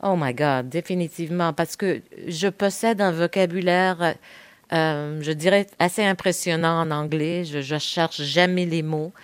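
A woman in her fifties from Quebec, whose first language is Spanish, speaks as a guest in a candid interview. She talks earnestly and reflectively and often pauses with "euh". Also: deep voice, clean tone, no room sound. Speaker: guest, veteran TV host.

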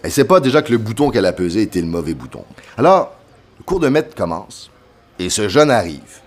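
A middle-aged man with a Quebec French accent, a pianist telling a lively anecdote over a meal and voicing the people in it. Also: fairly low pitch, brisk. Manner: lively storyteller, voices other people in the story. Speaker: pianist guest.

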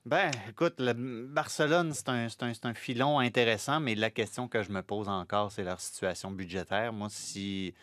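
A man's voice: lowish voice, normal speed, few pauses, a bit bright, no echo, studio quality. A man with a Quebec French accent, commenting on soccer in a casual panel, hesitant with many restarts.

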